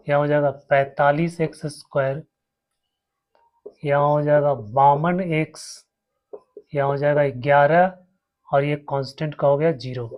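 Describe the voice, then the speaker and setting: A man's voice: fairly high pitch, muffled recording. A man teaching a maths lesson, walking his students through each step and repeating terms as he writes. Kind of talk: slow blackboard maths lesson.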